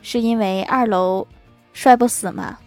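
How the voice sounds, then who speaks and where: A woman narrating short funny anecdotes with deadpan punchlines and wry laughs. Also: medium pitch, unhurried. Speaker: comedic storyteller. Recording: music bed underneath.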